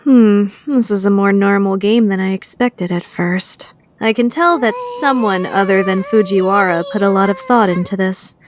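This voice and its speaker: A woman's voice: mid-range voice, moderate pace, few pauses, noisy background, natural voice. A woman playing a refined, proud, secretly lovestruck teenage girl in an anime fandub radio play. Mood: dry, reserved.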